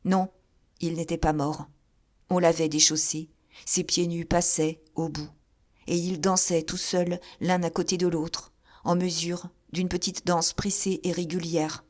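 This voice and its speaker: Woman, audiobook narrator, fairly low pitch, measured, even pacing. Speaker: audiobook reader. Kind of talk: scripted narration.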